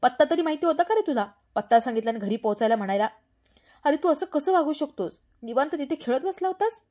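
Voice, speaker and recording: A woman's voice: high-pitched, lively intonation, mellow, voice pushed up. A woman voicing a stern, worried elderly grandfather who scolds in a raised, exasperated voice. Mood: scolding. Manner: scolding, exasperated, fast-talking.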